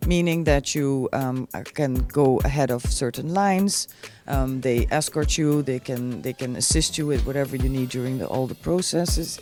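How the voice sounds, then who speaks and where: A woman's voice: very deep voice, moderate pace. Female interview guest, corporate spokesperson, careful explanatory delivery over background music. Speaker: airport executive, interview guest. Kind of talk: on-camera promotional interview. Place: airport VIP lounge.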